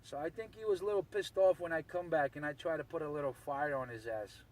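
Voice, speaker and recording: An aggrieved trucker talking over CB radio. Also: male voice, on the high side, fast, darkish tone, far from the mic, low-quality recording. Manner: aggrieved, repeats himself, airs a grievance. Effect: heard over CB radio. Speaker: truck driver.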